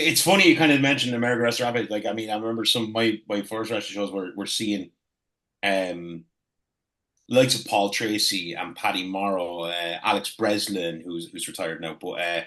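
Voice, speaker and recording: An Irish man chatting casually as an interview guest, often halting and repeating phrases as he reminisces. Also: lowish voice, sharp tone. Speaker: guest, wrestling ring announcer.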